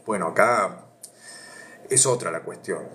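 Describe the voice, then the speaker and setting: Speaking in Rioplatense Argentine Spanish, this man casually reads philosophy and talks with his live-stream audience, pausing and hesitating often as he thinks aloud. His low voice is unhurried, pushed and bright, with a little hiss or hum in the audio.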